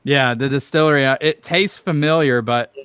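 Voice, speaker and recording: A man's voice: mid-range voice, normal speed, a bit bright, clean tone, no room sound. A man giving blunt, plainspoken opinions in a casual livestream chat. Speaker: livestream panelist tasting bourbon.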